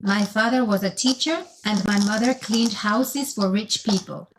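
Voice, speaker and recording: A woman's voice: medium pitch, normal speed, slight background noise, close to an everyday voice, low-quality recording. An actress playing an interviewed female orphanage founder in a scripted course-audio recording, reading her answers evenly and carefully. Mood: calm.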